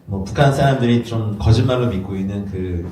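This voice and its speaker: A man preaching a sermon as a pastor, lively and acting out little dialogues in playful voices. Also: lowish voice, brisk, slight background noise. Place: church hall. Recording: echoey room from far off.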